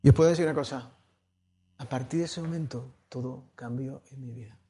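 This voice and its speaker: A pastor preaching a sermon, repeating key phrases and swinging between hushed and loud passages. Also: male voice, mid-range voice, fairly quick, slightly rough. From Spain. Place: church.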